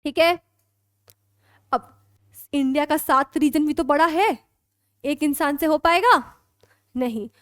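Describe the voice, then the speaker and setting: A woman's voice: sits high, slow pace, pauses often, fairly bright tone, no echo, clean studio sound. A woman teaching law in a classroom lecture with an Indian accent, mixing Hindi and English and often checking that students follow.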